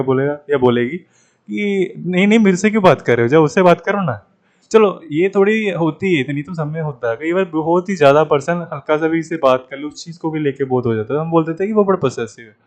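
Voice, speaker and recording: A man's voice: a little high, a little mellow. A man from Punjab teaching an English grammar lesson in a chatty, playful way, repeating the key points. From Punjab, India.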